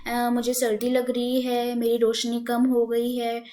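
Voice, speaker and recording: A woman's voice: fairly high pitch, monotone, a little slow, warm tone, close to an everyday voice. A woman doing a sleepy, lazy sun. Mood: whiny. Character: lazy male sun making excuses.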